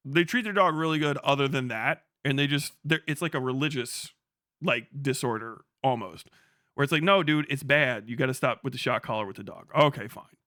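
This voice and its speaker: During a casual livestream chat, a man with a medium-pitched voice talks briskly, profane and excitable, constantly swearing and frequently cracking up. The recording is dry with clean studio sound.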